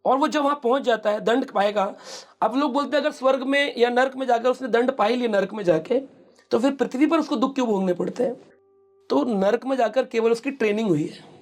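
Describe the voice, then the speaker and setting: A man's voice: very high-pitched, fairly quick, faint music behind. A middle-aged man, a spiritual speaker, explaining scripture in an interview and acting out quoted speech as he tells stories. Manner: storytelling, mixes English words, acts out quoted speech.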